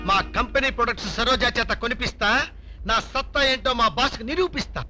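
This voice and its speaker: A man's voice: very high-pitched, fast, music in the background. An actor playing a bumbling, panicky young cosmetics salesman in a film comedy, wailing out one exclamation after another. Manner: frantic, full of wailing exclamations.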